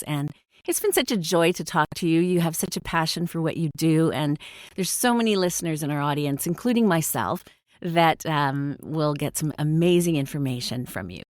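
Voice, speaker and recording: A woman's voice: low-pitched, dry recording, clean studio sound. A woman hosting a podcast, affirming and friendly, with frequent small laughs. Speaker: podcast host. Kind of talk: podcast interview and outro.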